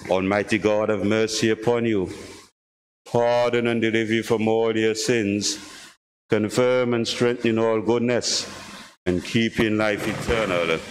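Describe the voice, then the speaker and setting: Slow solemn man at a pulpit microphone. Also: on the low side, steady tone. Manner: measured, solemn recitation. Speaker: officiant leading worship. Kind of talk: liturgical reading. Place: church. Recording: long church reverb with background hiss.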